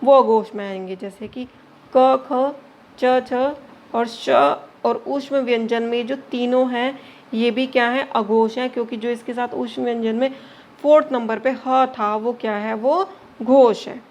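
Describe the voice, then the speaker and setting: A woman's voice: a little high, fairly even intonation, measured pace, a little mellow, slight background noise. A woman teacher giving an exam-prep grammar lesson, asking questions and answering them herself, checking in with short confirming tags and mixing English words into her explanations.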